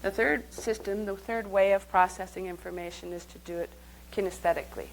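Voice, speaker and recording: A woman's voice: medium pitch, steady tone, fairly quick, creaky, a little hiss or hum, rough recording. A woman leading a live workshop, speaking conversationally and guiding the group through exercises. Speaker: workshop teacher.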